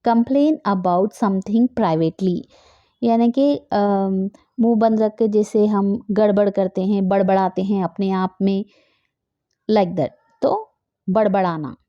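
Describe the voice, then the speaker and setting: Slow, dry-voiced woman teaching vocabulary. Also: medium pitch, warm tone, dry recording, muffled recording. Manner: repeats each word slowly, then explains it; switches between English and Hindi-Urdu. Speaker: English teacher.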